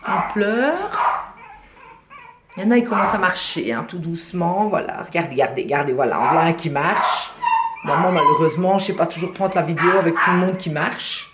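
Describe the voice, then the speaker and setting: A woman's voice: lowish voice, animated, a little fast, heavy background noise. A woman filming a litter of puppies on her phone at home, explaining who is who and cooing fondly at them. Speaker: dog breeder showing a litter of puppies. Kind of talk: casual phone video commentary. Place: indoors at home, near a radiator. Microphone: phone held in hand.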